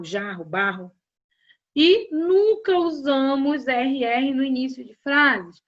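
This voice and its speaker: A woman teacher with a Brazilian Portuguese accent, giving a grammar lesson and talking straight to her students in a slow, deliberate way. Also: high-pitched. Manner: slow, deliberate explanation addressing students directly. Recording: dull lo-fi audio.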